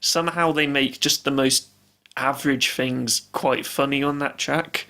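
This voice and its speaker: A man's voice: medium pitch, fairly even intonation, unhurried, pushed and bright. A man co-hosting a podcast, chatting casually about an album, laughing often. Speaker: podcast co-host. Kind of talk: casual music review chat.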